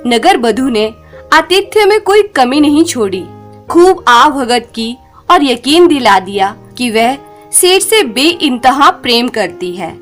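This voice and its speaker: A storyteller reads a scripted Hindi folk tale with a moral, using a high, very lively voice. She takes her time and speaks expressively, her melody rising and falling across each sentence, while music plays clearly in the background.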